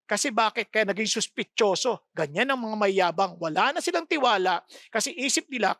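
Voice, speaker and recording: A woman preacher giving an expressive sermon and often asking her listeners questions. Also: medium pitch, no echo, studio quality. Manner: expressive, asks the congregation repeated questions.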